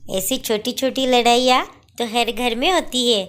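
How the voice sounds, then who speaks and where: A woman voicing a gentle older mother-in-law in a cartoon story, speaking slowly and soothingly. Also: a little high, voice pushed up, close to an everyday voice.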